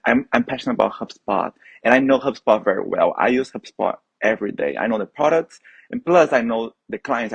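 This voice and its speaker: A Brazilian man whose first language is Portuguese appears as a guest, a HubSpot trainer, in a casual interview, talking eagerly and often restarting his sentences. His mid-range voice is gravelly and husky. The recording is dry and muffled.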